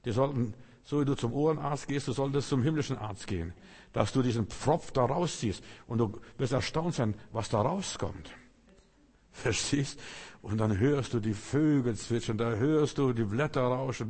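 A man with a husky, somewhat breathy voice delivers a sermon, building his points in short repeated phrases aimed straight at the listener. His voice rings out with a long reverb, as in a large hall. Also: medium pitch, normal speed, a little mellow. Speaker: preacher.

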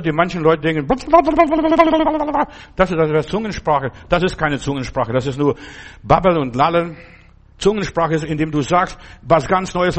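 A man preaching an informal sermon in a fairly high voice. He repeats his declarations over and over, jumping from loud, emphatic outbursts to quiet, confiding asides. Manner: repetitive, proclaiming, swings between loud outbursts and quiet asides.

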